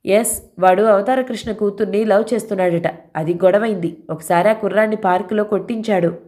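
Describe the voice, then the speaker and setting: A woman's voice: mid-range voice, a little fast, darkish tone, lightly acted. A woman voicing a middle-aged male police officer who explains the case bluntly and wearily. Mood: weary. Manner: blunt, matter-of-fact explaining.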